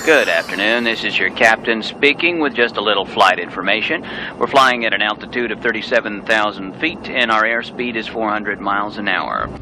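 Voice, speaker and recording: A man voicing an airline captain who makes a calm, routine flight announcement over the intercom in a station promo. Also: lowish voice, normal speed, noisy background. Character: airline captain addressing passengers. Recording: distant voice over clear music.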